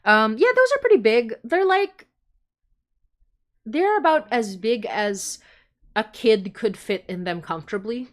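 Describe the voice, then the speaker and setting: A woman from the Philippines, a podcast creator, hosts a fundraising livestream, chatting informally and thinking aloud as she explains things in a casual, rambling way. Her voice is a little high and expressive, a bit slow, with long pauses.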